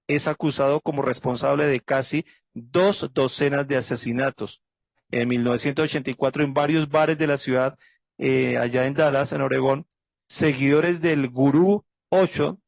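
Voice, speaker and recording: Man, pastor, Bible study lecture, methodical, raised pitch, dry sound. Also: no echo. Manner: methodical, reads out dates and facts one by one; earnest closing prayer. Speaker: pastor teaching a theology class.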